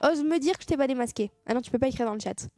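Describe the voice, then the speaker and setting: A woman's voice: sits high, rapid-fire, music in the background. A young woman streamer chatting casually with her viewers, swearing freely and thanking them as she goes. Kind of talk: casual live-stream chat.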